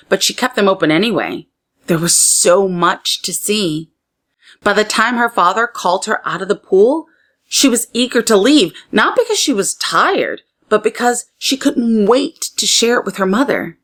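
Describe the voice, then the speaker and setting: A woman with a mid-range voice tells a children's story aloud, storyteller-style, phrasing it expressively and deliberately for young listeners.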